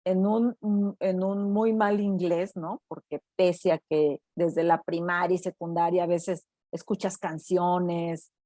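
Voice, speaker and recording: Lively Mexican woman telling a story, dry sound. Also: lowish voice, slow, hardly any pauses, dry recording. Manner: animated storytelling, acts out quoted voices, frequent "¿no?" tags. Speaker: university teacher and researcher, interview guest. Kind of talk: casual interview storytelling.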